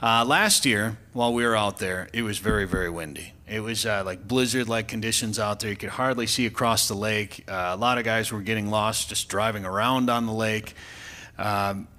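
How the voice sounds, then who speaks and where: A man's voice: lowish voice, moderate pace, bright, forceful tone. A man hosting a radio show and running a quiz in a casual, upbeat way, laughing and slipping into a game show voice. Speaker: radio show host and quizmaster.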